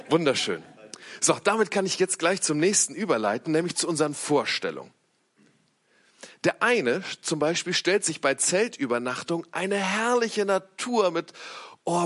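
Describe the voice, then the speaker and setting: A man preaching a sermon to an audience, humorous and animated, telling stories with lively asides. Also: fairly high pitch. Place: lit stage before an audience.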